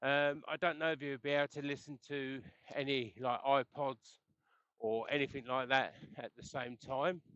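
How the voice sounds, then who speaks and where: Out on the road on his bike, a man vlogs in a casual, rambling chat with some chuckles, captured by a helmet intercom headset mic. He has a medium-pitched, level, slightly bright voice at a moderate pace, and the audio has no echo but its highs are cut off.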